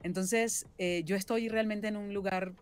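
A woman from Venezuela, a voice actress, explaining her work at length in a relaxed interview, often ending thoughts with a questioning tag. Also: medium pitch, a little slow. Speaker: voice actress and singer-songwriter, guest. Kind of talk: casual interview chat.

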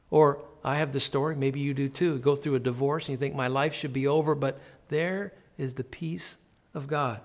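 A man in his fifties, a pastor, preaching a sermon in an earnest, conversational way and slowing down to stress key lines. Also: mid-range voice. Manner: earnest, conversational preaching with slow emphatic pauses. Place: indoor church office set.

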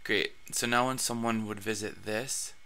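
Speaking casually with plenty of fillers and restarts, a man hosts a screen-recorded tutorial about blogging, his voice raspy from allergies. The lowish voice holds steady at a moderate pace and has a sharp tone.

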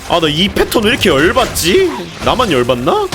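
A high-voiced man gives casual gameplay commentary, his pitch leaping all over as he grows excitable and yells in frustration. Loud game music plays behind him the whole time. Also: normal speed. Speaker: game streamer.

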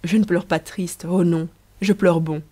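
A woman reading as a soft-hearted young emperor. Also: on the low side, fairly even intonation, measured pace, slightly rough. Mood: mild. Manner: mild, questioning.

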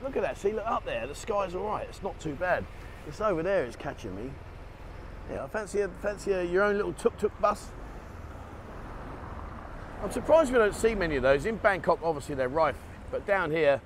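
This man's voice is high with lively intonation, moving at a moderate pace broken by long pauses. He's a vlogger chatting and occasionally swearing while motorbiking through wet town streets, filming on a hand-held action camera with traffic noise behind.

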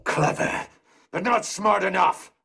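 An actor playing an arrogant older crime villain in a video game, gravelly, theatrical, taunting and condescending. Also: male voice, high-pitched, slow pace, noisy background, exaggerated voice.

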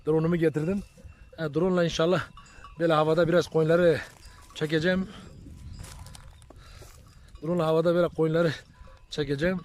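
A man, a shepherd, chatting to viewers in a casual vlog while herding his flock, filmed on a handheld phone outdoors. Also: on the high side. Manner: chatty, addresses viewers as friends, calls loudly to animals. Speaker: shepherd vlogger. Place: outdoors in open countryside with sheep and goats.

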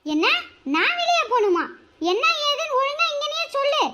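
A woman's voice: extremely high pitch, big pitch swings, normal speed, heavy background noise. A woman playing a jealous, scolding wife who cries out and laments dramatically in a comedy skit. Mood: wailing. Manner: dramatic lamenting, crying out to God. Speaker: comic actor in a skit.

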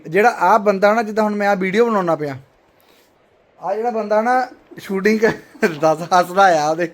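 A man hosting a prank video, teasing and coaxing his friend in comic banter. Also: fairly quick. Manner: teasing, wheedling, switches between loud coaxing and low confiding tones.

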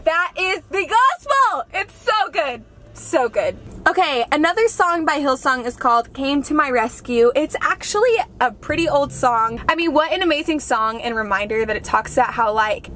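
A woman's voice: high-pitched, a bit bright, slight background noise. Bubbly young woman chatting in a car. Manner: gushing, heartfelt, lots of "like". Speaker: vlogger. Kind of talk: casual chat. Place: inside a parked car. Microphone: camera on the dashboard.

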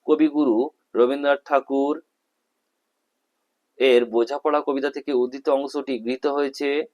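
Man tutor reading answers in halting phrases. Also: mid-range voice, fairly even intonation, a little mellow. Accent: West Bengal Bengali. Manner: slow, halting, breaks sentences into short phrases; lists words one by one with stress. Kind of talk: reading exam answers aloud.

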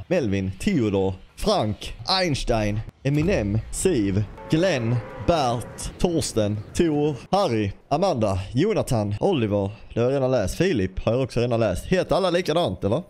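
A chatty man talks through his gameplay, addressing his viewers directly and tossing in light swearing. His voice sits at an ordinary middle pitch, with faint music playing underneath. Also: darkish tone. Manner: bursts into playful scatting and sound effects. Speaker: gaming YouTuber. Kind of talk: casual gameplay commentary.

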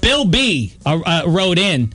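This man co-hosts a comedy talk radio show from the studio. He rants in mock outrage and hurls insults, his voice sitting a little high. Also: sing-song, slow pace, sharp tone. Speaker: co-host. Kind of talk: comic talk radio rant.

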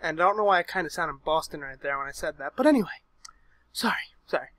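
A man's voice: a little high, animated, fast, pushed and bright, no echo. A young man talking casually over his gameplay footage into a desk mic, loose and full of swearing and frustrated asides. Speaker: gaming video host. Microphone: desk microphone.

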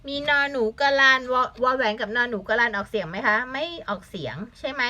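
A young woman teaches children, her voice bright and a little high. She spells each word letter by letter, patiently asks the class for answers, and slips in short English glosses. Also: animated, brisk. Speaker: Thai language teacher. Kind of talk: online language lesson for children.

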